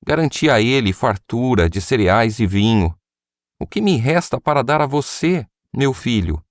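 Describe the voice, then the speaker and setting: A man reading the words of Isaac, an old father, in a solemn, measured voice. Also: medium pitch, sing-song, dry recording, clean studio sound, pitched above the performer's own voice, lightly acted.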